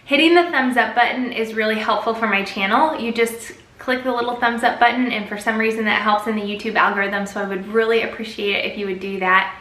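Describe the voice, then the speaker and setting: A woman's voice: a little high, steady tone, fairly quick, fairly bright tone. A woman chatting casually to camera as a family vlogger, upbeat and chatty, recorded in a bathroom with heavy echo. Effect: strong room echo. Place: bathroom at home.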